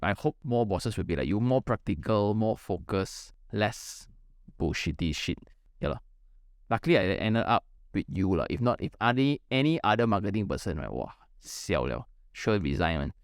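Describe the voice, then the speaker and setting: A man's voice: fairly low pitch, dry recording, clean studio sound. A man with a Malaysian accent hosts a casual podcast chat, talking in colloquial English full of local particles and slang. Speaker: podcast host.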